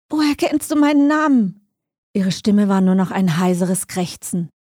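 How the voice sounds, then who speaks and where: A woman reading a scripted dark fantasy story as narrator, in a measured, suspenseful way. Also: mid-range voice, dry recording, clean studio sound.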